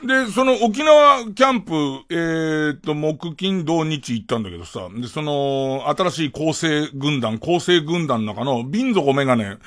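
A man hosting a late-night radio show in a casual solo monologue, animated, acting out quoted lines and laughing. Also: fairly high pitch, a little slow, few pauses. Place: radio studio.

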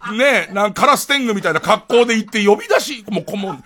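A man hosting a late-night radio show in a casual solo monologue, animated, acting out quoted lines and laughing. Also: high-pitched, quick pace, crowd noise. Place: radio studio.

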